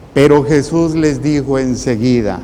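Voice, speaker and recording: Mexican priest preaching in a reverberant space. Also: male voice, medium pitch, mellow, slight background noise. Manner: deliberate, in short broken phrases with pauses. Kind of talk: preaching a sermon.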